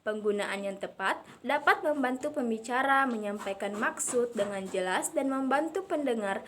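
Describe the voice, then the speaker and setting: A young woman reading a language lesson aloud as a student presenter, steady but dotted with hesitant fillers. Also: fairly high pitch, moderate pace, slight background noise. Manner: reads steadily with frequent "eh" fillers and restarts. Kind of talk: read-aloud lesson explanation.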